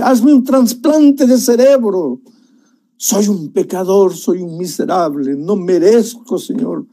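A man's voice: high-pitched, warm tone, pitched above the performer's own voice. A man voicing a repentant ancient king, pleading with God in tearful prayer.

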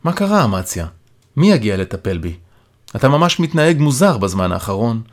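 A man voicing a frail old man who speaks quietly and wearily, gentle and resigned, in an audiobook. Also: medium pitch, big pitch swings. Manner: quiet, weary, soothing.

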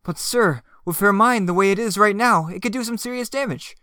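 A man voicing a nervous young private, anxious and higher than his own voice. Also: a little fast, sharp tone, smooth, no room sound, clean studio sound. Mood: worried.

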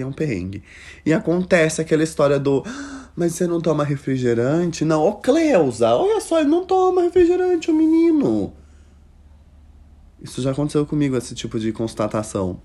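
Man, Brazilian accent, casual chat host, gossipy, expressive, laughs and exclaims a lot. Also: mid-range voice. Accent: Brazilian Portuguese. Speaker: host reading listener stories.

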